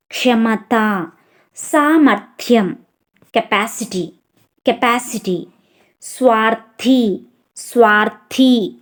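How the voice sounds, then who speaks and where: A woman's voice: on the high side, a little mellow. A woman teaching a vocabulary lesson, saying each word twice and then giving its meanings. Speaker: language teacher.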